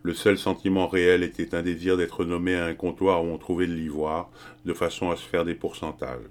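Deep-voiced man narrating an audiobook. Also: level tone, brisk.

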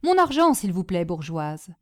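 A woman voicing a blunt, suspicious cab driver who insists gruffly on his fare. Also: lowish voice, sing-song, normal speed. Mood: insistent.

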